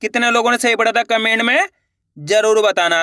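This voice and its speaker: A man's voice: very high voice, normal speed, pushed and bright, no echo, studio quality. A man teaching Hindi reading, sounding out each letter and then blending it into the word, and checking with his viewers that they follow. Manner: addresses viewers as friends, asks if it is clear. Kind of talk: slow syllable-by-syllable reading lesson.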